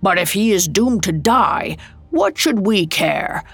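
A woman's voice: mid-range voice, sing-song, slow pace, vocal fry, fairly bright tone, breathy edge, dry recording, exaggerated voice. A woman voicing a stern male giant spirit who speaks in a grave, reproachful way. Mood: solemn. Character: stern ghost of Christmas present, male giant.

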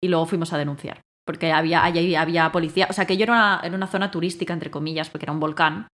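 Brief: rapid-fire female guest, animated storyteller. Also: on the low side. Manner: animated, acts out her own quotes loudly. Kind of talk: casual storytelling conversation.

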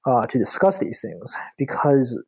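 Husky-voiced man from China, hesitant. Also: mid-range voice, very animated, measured pace. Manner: thoughtful, many fillers and restarts. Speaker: guest author, law professor. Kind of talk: academic interview answers.

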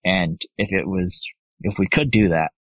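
A man telling a casual story as a podcast guest, laid-back, often laughing and mimicking others in a higher voice. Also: a little slow, no room sound, dull audio. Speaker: podcast guest, blackjack player.

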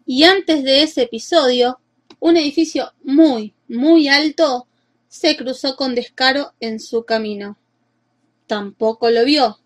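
A woman narrating a children's storybook in a lively, expressive way. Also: high voice, slow pace.

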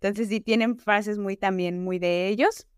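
A woman's voice: mid-range voice, fairly even intonation, a little slow, clean tone, dry recording, studio quality. A woman from Mexico with a Mexican accent, a podcast guest talking at length in a casual, chatty way with anecdotes.

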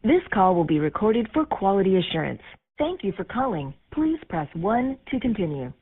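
A woman's voice plays as an automated phone prompt, stiff, with each word spliced in from separate recordings. Her pitch swings up and down from one word to the next. She sounds slightly husky through a thin, tinny phone line. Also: moderate pace. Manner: formal, even prompt delivery. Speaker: automated phone system announcer. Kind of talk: recorded phone menu announcement.

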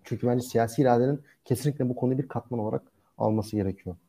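A man's voice: medium pitch, racing, warm tone. A man speaking as a guest in a casual discussion, explaining his points earnestly and in lists.

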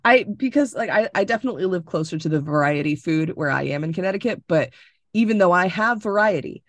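A woman from Florida co-hosts a podcast over a video call, talking fast in a lowish voice. She's animated and emphatic and swears freely in casual chat, and the sound is dry and close.

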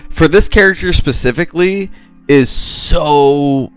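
A man's voice: fairly high pitch, unhurried, clear, resonant tone, soft background music. Sarcastic, swearing podcast man. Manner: profane, sarcastic, jokey. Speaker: podcast co-host. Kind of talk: casual chat, joking movie commentary.

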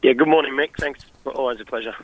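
A man's voice: medium pitch, fast. A young Australian man, a harness racing driver, giving a casual interview in a modest, easygoing way. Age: young adult. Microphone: phone. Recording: muffled dry phone line.

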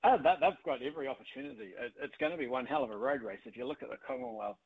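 A man's voice: medium pitch, sing-song, racing, vocal fry, breathy edge, narrow, tinny audio. A man giving enthusiastic, conversational analysis as a cycling commentator. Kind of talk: casual interview analysis.

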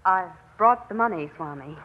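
A woman's voice: on the low side, expressive, moderate pace, close to an everyday voice. An actress playing an earnest young woman with a hesitant, pleading manner in an old radio drama. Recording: dull old radio recording, music behind.

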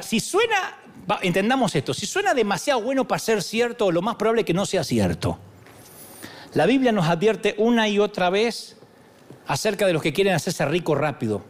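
A middle-aged pastor with a Rioplatense Spanish accent delivers a sermon. His voice sits high for a man and swoops up and down with animated, joking energy. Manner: animated, joking preacher acting out dialogues.

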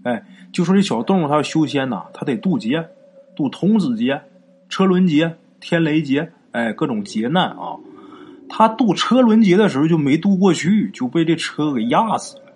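A man telling a folk ghost story in a relaxed, chatty way, drawing out his sentence-final particles. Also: on the high side, slightly rough. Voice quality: conversational, drawn-out particles.

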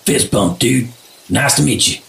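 Dude doing a crude swearing bro, super gravelly, kinda far off. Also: male voice, mid-range voice, expressive, unhurried, a bit bright. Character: crude young bro survivor.

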